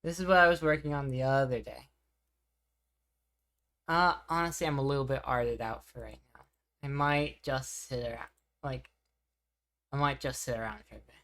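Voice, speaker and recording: A woman's voice: extremely low pitch, steady tone, normal speed, long pauses, fairly bright tone. A young woman streaming live, chatting casually with her chat, rambling and poking fun at herself. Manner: rambling, self-deprecating, reacting to chat.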